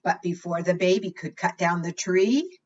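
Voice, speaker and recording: Speaking at a normal speed in a lowish voice, a woman leads a read-aloud for young children, reading expressively and putting questions to them. The recording is dull, lo-fi quality.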